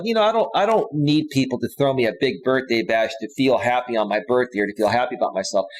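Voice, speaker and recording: A man's voice: medium pitch, rough recording. A man in his forties hosting his own live stream, talking casually and rambling with frequent restarts. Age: 40s.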